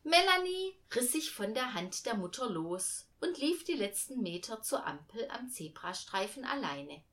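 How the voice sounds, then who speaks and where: Expressive woman reading a children's story. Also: a little high, measured pace.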